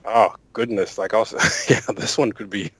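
A man's voice: lowish voice, steady tone, normal speed, breathy edge, no room sound, rough recording. An easygoing man chatting as a podcast guest, often chuckling in the middle of his sentences. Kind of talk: casual interview chat.

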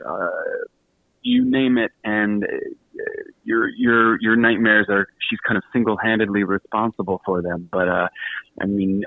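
A man with a lowish voice, recorded on thin, tinny audio without echo, is a guest on a radio interview. An author who also hosts a podcast, he keeps things casual, gushing and poking fun at himself in a jokey way.

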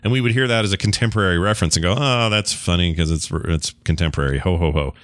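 A man's voice: sits low, quick pace, dry recording, clean studio sound. A man hosting a casual reaction to an old TV show, rambling with joking asides. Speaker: reaction host.

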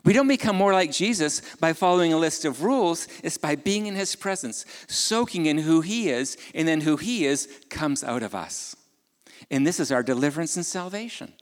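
A man's voice: on the high side, expressive, normal speed. A man preaching a sermon in a conversational way, asking his listeners questions and adding casual asides. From Ukraine. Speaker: pastor. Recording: long hall reverb.

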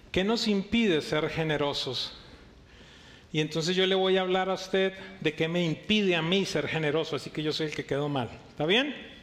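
High-voiced preaching man. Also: a bit bright. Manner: emphatic preaching with rhetorical questions. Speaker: pastor. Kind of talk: sermon.

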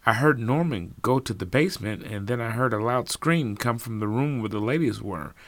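A man's voice: medium pitch, moderate pace, a bit bright, dry recording, close to an everyday voice. A man voicing a nervous adult male witness who talks hesitantly and stammers. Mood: flustered.

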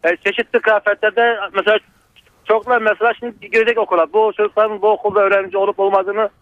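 A man's voice: sits high, flat delivery, fast, dry recording. A man calling in to a radio show over a landline phone, hesitant and full of fillers. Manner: hesitant, stacks up many fillers. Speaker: radio caller. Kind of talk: call-in chat. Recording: tinny phone line.

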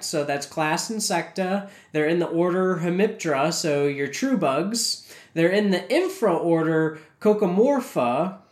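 A man with a gravelly voice, getting over a cold, talking casually and informatively as a podcast co-host. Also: high-pitched. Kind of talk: casual educational podcast talk. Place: cold whitewashed makeshift studio room. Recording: hollow, echoey bare room.

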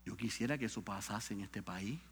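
A man preaching a sermon with great drama, dropping low and quiet and then rising to loud, high cries. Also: a little fast, in a large hall, slight background noise. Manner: swings from hushed to shouting, dramatic.

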